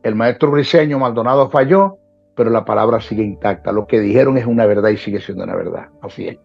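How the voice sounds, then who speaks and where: Guy in his 60s, husky voice, preachy and emphatic, dull lo-fi sound w faint music. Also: lowish voice, quick pace. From Venezuela. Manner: emphatic, repeats phrases for stress. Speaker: Bible teacher guest. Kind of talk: preaching-style interview talk.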